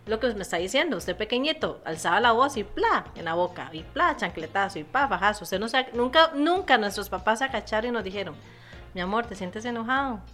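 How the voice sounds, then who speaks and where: A woman with a Costa Rican accent in casual conversation, lively and expressive as she talks. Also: mid-range voice, a little fast, hardly any pauses, soft background music. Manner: animated, acts out quoted voices.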